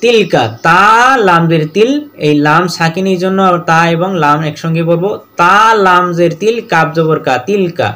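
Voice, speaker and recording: A man leads a Quran reading lesson. He spells out every letter and vowel mark one by one, then recites each verse in a slow, drawn-out way. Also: on the high side, fairly bright tone.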